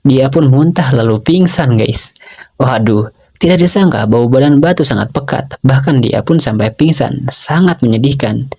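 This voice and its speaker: A man tells a story recap in a chatty, casual tone, talking straight to his listeners. His pitch sits in the middle and his delivery is relaxed and conversational. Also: normal speed, husky. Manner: chatty, addresses listeners as guys.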